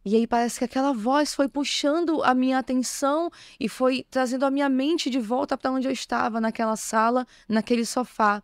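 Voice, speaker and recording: A woman's voice: high voice, fairly even intonation, moderate pace, few pauses, no echo. Woman, church bishop giving her testimony, earnest and emotional, dry close sound. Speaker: bishop, guest. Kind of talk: personal testimony in an interview.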